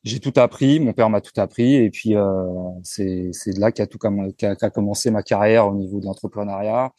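A man in his forties, speaking as an interview guest in a relaxed, frank way, often pausing and restarting his sentences. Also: lowish voice, dry recording, studio quality. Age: 40s. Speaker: entrepreneur guest. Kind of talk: casual conversational interview.

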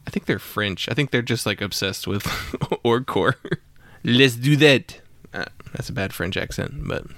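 A man hosting a podcast who talks in a relaxed, rambling way, laughing easily while chatting about music. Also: on the low side, a little slow, no echo. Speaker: podcast host. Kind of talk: casual chat.

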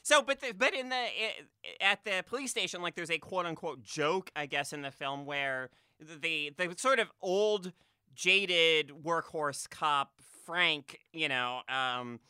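A man with a very bright, crisp voice, talking casually about a movie. He is animated and full of fillers and restarts, and his voice is recorded dry, with no room sound. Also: a little high, measured pace, no echo. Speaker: podcast co-host. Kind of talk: casual film discussion.

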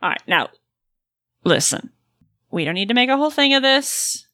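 Smooth-talking street con man, played by a woman, tabletop game. Bright tone, dry sound, repetitive coaxing patter. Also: a little high, very animated, moderate pace, dry recording, pitched above the performer's own voice. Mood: placating.

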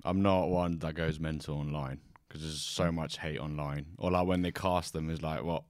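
A man's voice: rumbling low, fairly even intonation, moderate pace, dry recording, clean studio sound. A man guesting on a podcast as a digital artist, easygoing and agreeable, talking casually about his work. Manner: easygoing, agreeable, lots of short yeahs. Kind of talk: casual chat.

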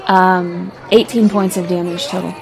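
A woman's voice: fairly low pitch, level tone, moderate pace, creaky. A woman playing a tabletop game, describing her character's actions thoughtfully with hesitations. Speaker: player. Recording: crowd chatter and noise behind.

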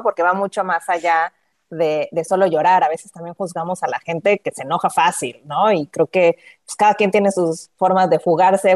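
A woman's voice: lowish voice, dry recording. A woman, hosting a podcast and talking things through in a reflective, conversational way. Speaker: host. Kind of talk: casual podcast chat.

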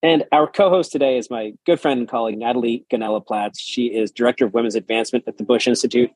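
Husky-voiced man hosting a podcast. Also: medium pitch, fast, a little mellow, dry recording. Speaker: podcast host. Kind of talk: podcast interview and scripted intro.

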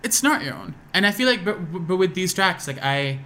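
This guest musician, a young man from Pakistan with an American accent, talks hesitantly on a relaxed podcast, restarting often and leaning on fillers. His pitch sits high and his intonation is lively, delivered at a moderate pace with a bright, forceful tone. There's faint room ambience plus a little hiss or hum.

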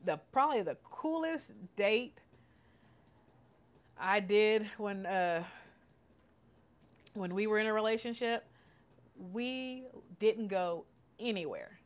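A woman's voice: mid-range voice, expressive, takes it slowly, long pauses. A middle-aged woman hosting a podcast, telling candid personal stories in casual chat, laughing often and swearing freely. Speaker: podcast host.

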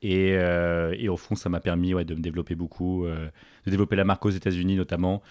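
A young man from Paris talks in a relaxed podcast chat, full of fillers and restarts. His voice sits very low and his words come quickly. The recording is dry and close. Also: dry recording. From Paris, France. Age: young adult. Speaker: podcast guest, entrepreneur. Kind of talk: casual interview chat.

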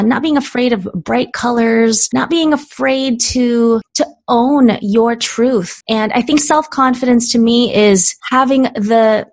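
A woman in her thirties, from the Philippines, talking reflectively as a podcast guest. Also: fairly high pitch. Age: 30s. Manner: expressive, reflective, casual fillers like "like". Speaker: guest, business coach. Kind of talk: interview conversation.

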